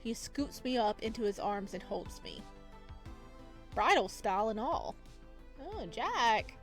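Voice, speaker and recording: This let's play host has a high, sing-song voice and takes her time, casually commenting on the game and reading visual novel text aloud. She giggles, chats, and reacts to what she reads, with music running underneath.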